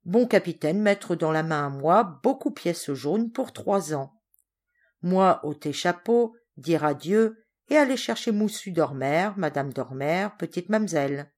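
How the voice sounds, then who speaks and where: A woman voicing a big, hearty sailor in his forties who speaks in broken pidgin French, booming and blunt. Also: expressive, unhurried, darkish tone. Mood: loud, storytelling.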